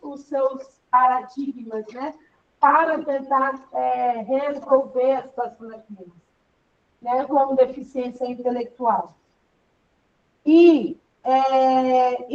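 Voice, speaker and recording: A woman's voice: high-pitched, steady tone, takes it slowly, recorded from a distance, highs cut off. A woman teaching an online class in a chatty, rambling way, full of fillers.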